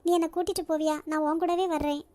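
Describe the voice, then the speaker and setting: A woman voicing a soft-spoken, lovesick young woman. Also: high voice, flat delivery, quick pace, no echo, natural voice. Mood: pleading. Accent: Nagercoil Tamil. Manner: soft, pleading. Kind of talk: cartoon voice acting.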